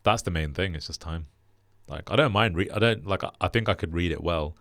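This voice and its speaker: A young British man hosting a casual podcast chat, relaxed and flat in delivery with lots of fillers. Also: low-pitched, a little fast, no room sound, studio quality. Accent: British English. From Britain. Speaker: podcast host.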